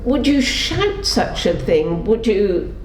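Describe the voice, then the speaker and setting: In a roomy recording with faint background noise, an older woman slowly recounts her past for an oral history interview. Her pitch swings widely as she tells stories and acts out quotes, taking on the voices of the people she describes.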